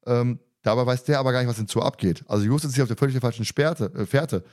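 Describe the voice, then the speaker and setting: Talking fast in a slightly mellow, medium-pitched voice, a man hosting a podcast retells an audio drama episode. The chat is loose and informal, full of self-interruptions.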